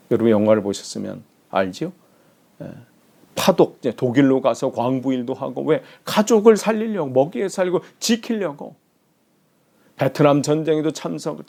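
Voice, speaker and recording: A pastor preaches in a gravelly, creaky voice. His pitch swings widely as he tells a story, rising high for emphasis and falling to a hushed whisper. He is a man delivering a sermon. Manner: animated storytelling, dropping to whispers for quoted lines.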